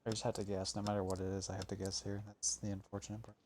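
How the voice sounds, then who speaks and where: A man's voice: on the low side, flat delivery, very fast, noisy background. A man streaming a game, thinking aloud and grumbling with frequent swearing. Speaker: gaming streamer. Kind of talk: casual gameplay commentary.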